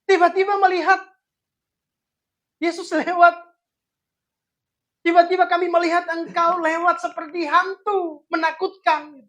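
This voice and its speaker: A woman with a high voice preaching to a congregation. She drops to soft, intimate phrases, then rises into loud, emphatic repetition. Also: flat delivery, a little slow, long pauses. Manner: addresses congregation as Bapak Ibu Saudara, dramatic swings in loudness. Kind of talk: sermon.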